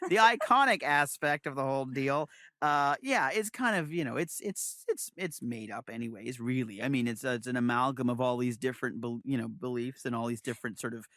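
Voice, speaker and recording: A man's voice: medium pitch, a little fast, few pauses, pushed and bright, no echo, studio quality. A man co-hosting a casual chat show, rambling with frequent restarts and chuckles. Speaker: co-host.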